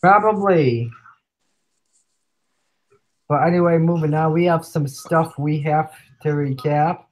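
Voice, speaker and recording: A man's voice: on the high side, takes it slowly, long pauses, darkish tone, low-quality recording. Male host with a cold, loose and chatty, reading race results off a rundown. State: sick, coughing. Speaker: podcast host. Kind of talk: casual sim-racing recap chat.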